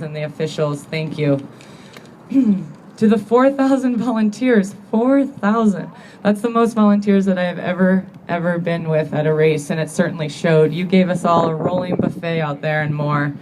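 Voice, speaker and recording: A woman's voice: fairly low pitch, darkish tone, a little hiss or hum, rough recording. Teary, grateful woman giving a thank-you speech. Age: 30s. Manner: earnest, grateful, gets teary and halting. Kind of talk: emotional acceptance speech. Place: banquet hall with an audience.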